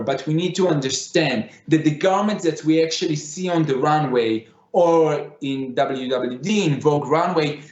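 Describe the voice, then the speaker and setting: Middle eastern accent guy giving a lecture, slightly high voice, echoey dull recording. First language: not English. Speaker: conference speaker, digital fashion designer. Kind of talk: conference lecture.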